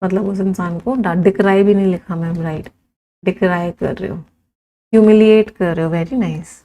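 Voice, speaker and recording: A young Indian woman teaching English vocabulary in an online class. She reels off lists of synonyms and slows down to dictate idioms. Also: fairly low pitch, steady tone, dark tone, a little hiss or hum. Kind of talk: live online vocabulary lesson.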